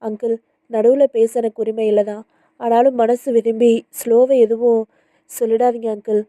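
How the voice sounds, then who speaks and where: A woman's voice: fairly high pitch, level tone, moderate pace, dark tone, no echo, natural voice. A woman voicing an anxious young woman who talks politely and earnestly, in a storybook reading.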